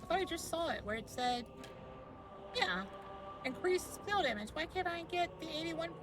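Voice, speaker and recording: A woman streaming a game live, chatting playfully with viewers and breaking into loud tsundere-style outbursts. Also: very high-pitched, animated, moderate pace, over music. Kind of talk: live gameplay chat.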